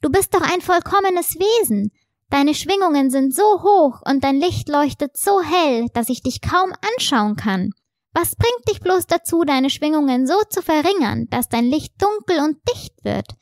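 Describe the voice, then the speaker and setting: A woman voicing an excitable, childlike little soul in a storybook reading. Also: high-pitched, measured pace, no room sound, studio quality, voice pushed up. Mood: wondering. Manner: breathless, wide-eyed questioning.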